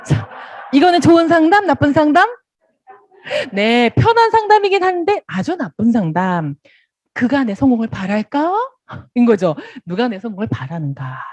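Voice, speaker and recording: Woman doing a seminar talk, bouncy lively pitch, laughs a lot, dry close sound. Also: normal speed, dry recording. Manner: acts out lively dialogues, laughs often. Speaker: business seminar speaker.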